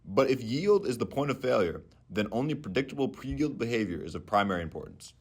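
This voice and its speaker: A young man narrating a scripted engineering lesson in a clear, methodical way. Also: mid-range voice, very animated, brisk. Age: young adult. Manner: clear, methodical technical explaining. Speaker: student engineering presenter.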